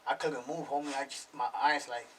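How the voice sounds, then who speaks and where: A music producer in his thirties, appearing as a guest in a casual interview, talks fairly quickly in a steady, mid-range voice. He's slangy and swears, saying "bro" and "homie" throughout, and the distant mic picks up faint noise.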